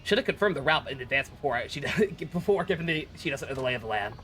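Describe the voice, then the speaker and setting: A woman's voice: rumbling low, lively intonation, fast, a bit bright, a little hiss or hum. A woman streamer chatting and reading game dialogue aloud in a rambling, self-correcting way.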